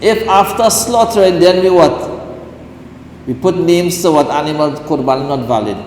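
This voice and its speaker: A man's voice: fairly high pitch, moderate pace, a little mellow. A man, a mufti, teaching Islamic law in a lecture class, who keeps checking his listeners with "right?" and "what?". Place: mosque hall. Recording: roomy hall echo, faint hiss.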